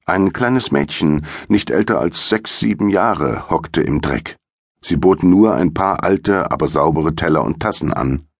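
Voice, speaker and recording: A man narrating a first-person mystery audiobook in a measured, dramatic storytelling manner. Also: deep voice, gravelly, breathy edge, dry recording, studio quality.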